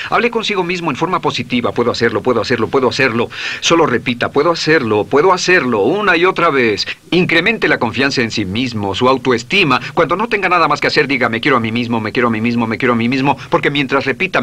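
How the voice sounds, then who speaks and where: A man's voice: medium pitch, bright, forceful tone. A man narrating a recorded self-help lesson in an instructive way, repeating affirmations aloud. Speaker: course narrator.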